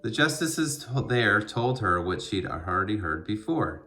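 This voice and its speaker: A man with a fairly low-pitched voice reads a children's book aloud. His storytelling is expressive, and he phrases things deliberately and with emphasis.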